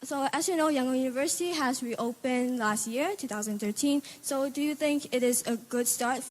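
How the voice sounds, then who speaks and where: Casting: young woman, Burmese accent, higher voice, hesitant student questioner at a forum. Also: normal speed. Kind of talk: audience question to a speaker.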